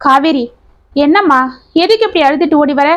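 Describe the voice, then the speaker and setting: A determined young man, read by a woman talks earnestly and reassuringly to the one he loves. The voice is high and bright in this storybook reading. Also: moderate pace, lo-fi sound, close to an everyday voice.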